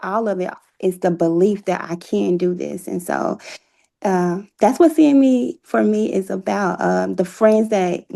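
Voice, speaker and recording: Her voice is mid-range, warm and a bit creaky, with a measured pace. As an author and playwright being interviewed, she reflects earnestly on her own life story.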